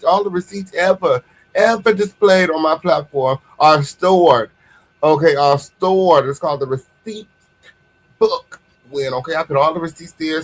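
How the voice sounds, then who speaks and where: A man's voice: a little high, a little hiss or hum, low-quality recording. An American man hosting a casual gossip livestream, talking in a sassy, slangy way and repeating phrases for emphasis. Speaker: host of an online gossip commentary show.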